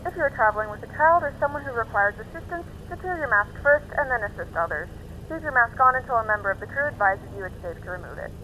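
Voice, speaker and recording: A woman's voice: a little high, animated, quick pace, sharp tone, slight background noise, rough recording. A woman as a flight attendant reciting a formal scripted safety announcement over the cabin public address speakers.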